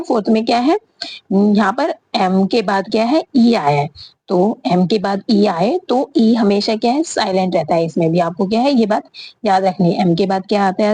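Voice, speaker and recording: A woman teaching a lesson in a mellow, slightly breathy voice, recorded close and dry. She keeps asking rhetorical questions and answering them herself. She spells words out slowly, one letter at a time. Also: mid-range voice, no room sound. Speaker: English teacher. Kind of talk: spoken lesson.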